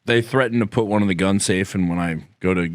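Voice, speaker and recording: A man's voice: low voice, fast, no echo. A man co-hosting a podcast, a laid-back, self-mocking storyteller on a close mic. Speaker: podcast co-host. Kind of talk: casual chat, anecdotes.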